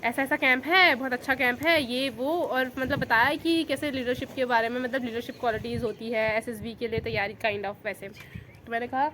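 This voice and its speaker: A woman's voice: on the high side, steady tone, normal speed, bright, forceful tone, slight background noise. A young woman vlogging in casual chat, emotional and affectionate, rambling as she talks. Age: young adult.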